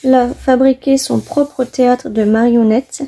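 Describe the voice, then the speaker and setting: Female craft vlogger, husky and warm, casual enthusiastic delivery. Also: fairly high pitch, fairly even intonation, unhurried. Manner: chatty, enthusiastic, many fillers. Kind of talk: casual magazine flip-through.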